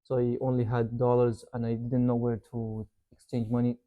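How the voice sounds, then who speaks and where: A man's voice: mid-range voice, normal speed, phone-quality sound. A young man from Yemen, raised in Saudi Arabia, chatting casually as an interview guest, full of "like" and "you know.". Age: young adult. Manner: relaxed, rambling, many "like" and "you know" fillers. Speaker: interview guest, university student.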